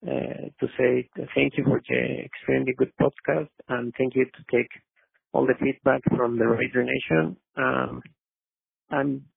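Gravelly, raspy man on the phone. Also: mid-range voice, steady tone, a little slow, no echo. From Mexico City, Mexico. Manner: hesitant, polite, many "uh" fillers. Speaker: caller. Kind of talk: call-in sports talk. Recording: dry phone line.

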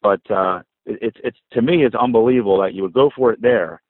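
Husky American man calling from a rainy car. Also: lowish voice, brisk. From New Jersey, United States. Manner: conversational, emphatic, addressing listeners directly. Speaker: podcast caller. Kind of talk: fan voicemail commentary on football. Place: inside a car in the rain. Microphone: phone call. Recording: roomy, narrow phone-line sound. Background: rain falling on the car.

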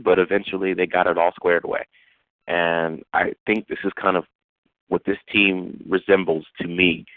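A man from Houston phones in to a radio show, his voice low and dry over a tinny call-in line. He talks at length in a sighing, rambling way about his team's troubles. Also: dry recording. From Houston, Texas. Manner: sighing, rambling fan lament. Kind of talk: casual call-in talk.

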